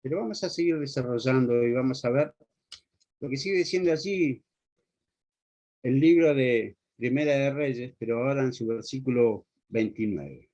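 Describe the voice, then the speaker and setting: A man preaches a sermon in earnest, aiming pointed rhetorical questions straight at the listener. His voice is medium-pitched and dark in tone, at a normal speed, captured on a dull lo-fi recording.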